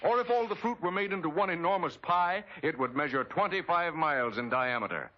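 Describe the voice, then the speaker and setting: An American man's slightly high voice, lively in intonation and fairly quick, delivers dramatic, emphatic scripted narration in 1940s wartime propaganda film style. The background is noisy, with a loud orchestral score and dull vintage 1940s film sound.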